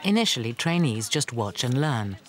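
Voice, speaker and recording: Lively male documentary narrator. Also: medium pitch, moderate pace, a crowd in the background. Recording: clear background location noise.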